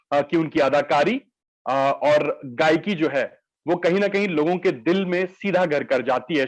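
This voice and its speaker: A man's voice: fairly high pitch, rough recording. A man hosting an entertainment interview, asking formal, flowery questions with many "uh" fillers.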